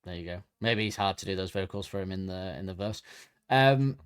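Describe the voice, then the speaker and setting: Smooth, low and brisk, this man's voice carries casual co-hosting duties on a podcast as he reads facts from his notes, fixing his mistakes along the way.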